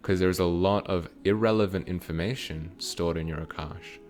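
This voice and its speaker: Deep-voiced man, slow measured teaching. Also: a little mellow, soft background music. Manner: slow, measured, broken into short phrases. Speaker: spiritual teacher channeling a guide. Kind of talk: channeled teaching with guided meditation.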